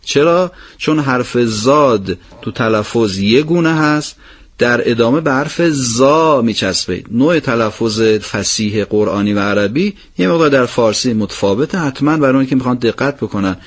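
A man leads a recorded recitation lesson in a mid-pitched voice. He explains each pronunciation rule, puts questions to his students and answers them himself. Then he reads the example phrases slowly. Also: expressive. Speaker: Quran recitation teacher.

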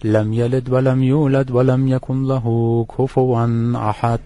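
Man, caller, verse recitation, steady, dark mellow tone. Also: medium pitch, no echo.

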